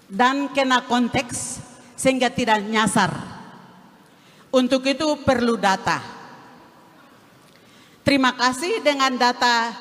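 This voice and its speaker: A woman's voice: sits high, a bit bright. A woman from Papua, a regional official, giving an earnest, plain-spoken impromptu speech on stage, with wry humor. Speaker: regional official speaking at a national meeting. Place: large conference hall. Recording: reverberant hall.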